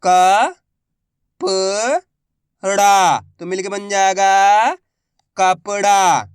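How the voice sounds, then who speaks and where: A man teaching a reading lesson. He sounds out words one syllable at a time and repeats each word slowly. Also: high voice, clean tone, no echo, studio quality.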